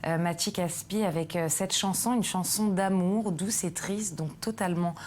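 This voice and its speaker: Low-voiced woman hosting a TV interview. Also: normal speed, darkish tone, a little hiss or hum. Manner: hesitant, frequent "euh" fillers. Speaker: TV culture host. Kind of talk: TV interview questions. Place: TV studio.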